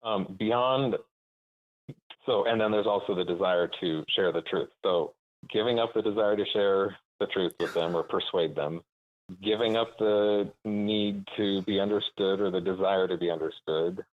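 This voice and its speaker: A man calling into a show, speaking thoughtfully and haltingly over a clipped phone line, pausing often to search for words. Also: low voice. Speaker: caller. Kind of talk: call-in conversation. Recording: narrow tinny phone line.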